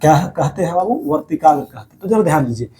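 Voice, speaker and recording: A man's voice: on the high side, animated, fast, warm tone, slight background noise. A man teaching a biology class over diagrams, repeating each key term as a question to his students and calling them "babu".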